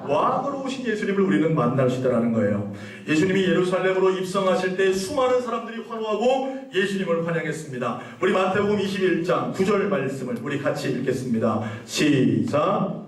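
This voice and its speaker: Man, pastor, sermon with call-and-response, high voice, echoey sanctuary, mic some distance away. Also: animated. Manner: asks the congregation questions and leads call-and-response; reads scripture slowly and emphatically. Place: church sanctuary. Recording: echoey church hall, voice from a distance.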